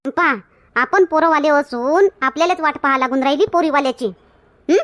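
A woman's voice: high voice, a little fast, fairly bright tone. A woman playing a touchy, proud village mother. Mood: complaining. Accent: Varhadi Marathi. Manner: complaining, defensive. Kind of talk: village comedy skit.

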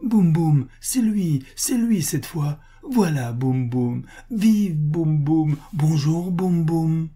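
A man voicing a sick little boy of seven, frail and wistful, in a high, breathy, fragile voice. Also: fairly even intonation, moderate pace, mellow, lightly acted. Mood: ecstatic.

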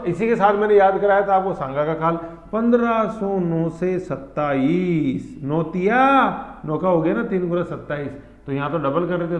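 A man teaching an exam-prep history lesson, playful and teasing as he quizzes his students. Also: on the high side. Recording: echoey room, slightly dull sound.

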